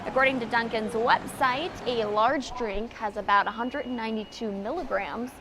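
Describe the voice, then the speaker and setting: A woman reading news stories and time checks as a morning TV anchor, with a bright, upbeat delivery. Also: a little high, fairly even intonation, moderate pace, noisy background. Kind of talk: read news copy. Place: TV news studio.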